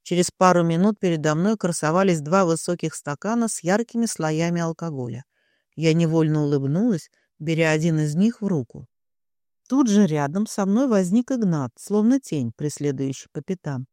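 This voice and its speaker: A woman reading a first-person romance novel aloud in an even, measured manner. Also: low voice, dry recording, studio quality. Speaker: audiobook narrator.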